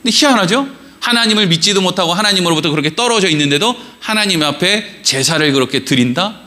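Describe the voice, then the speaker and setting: Brief: male pastor, middle-aged, lively conversational sermon, bright tone. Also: sits high, fast. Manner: lively, conversational preaching with rhetorical questions and acted-out quotes. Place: church sanctuary.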